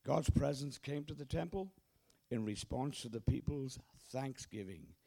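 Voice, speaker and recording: Croaky slow-preaching male pastor. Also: mid-range voice, expressive, mellow. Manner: emphatic preaching, urging the congregation. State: hoarse, getting over a cold. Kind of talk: sermon. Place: church service.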